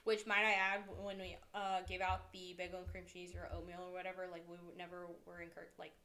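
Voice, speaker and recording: A woman's voice: on the low side, completely flat delivery, fast talker, sharp tone. A woman chatting casually with a friend, blunt and swearing, often laughing. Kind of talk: casual chat.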